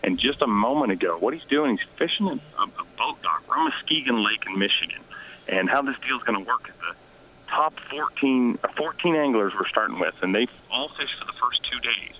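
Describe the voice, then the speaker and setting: A man speaking as a guest on a radio interview, talking quietly and self-deprecatingly from outdoors by a lake. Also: mid-range voice, animated, a little fast, a little hiss or hum, rough recording. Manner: hushed, quieter than usual. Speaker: guest, fishing show host. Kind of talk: casual radio interview chat.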